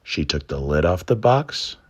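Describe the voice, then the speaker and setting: A man narrating a scripted trickster folktale and explaining it in an expressive storytelling manner. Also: deep voice, unhurried. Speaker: storyteller and presenter.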